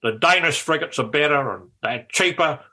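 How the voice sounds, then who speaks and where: A man doing a gruff, cutting old politician. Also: a little high, lively intonation, moderate pace. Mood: scornful. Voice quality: cutting, forceful delivery. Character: gruff blunt older male politician.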